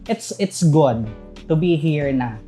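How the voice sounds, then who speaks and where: A man's voice: a little high, animated, takes it slowly, warm tone, faint music behind. A young man with a Visayan accent, speaking as a guest in a casual interview and laughing often. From Southern Leyte, Philippines. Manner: candid, laughs often while telling stories. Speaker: guest, call center manager.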